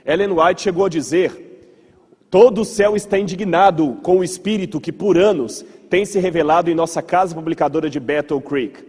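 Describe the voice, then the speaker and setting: A pastor with a Brazilian Portuguese accent speaks in a fairly high, darkish voice with a breathy edge at a moderate pace. In a large, reverberant hall where his voice sounds slightly muffled, he gives an informal storytelling lecture to his congregation, conversational, repeating words for emphasis and checking in with listeners.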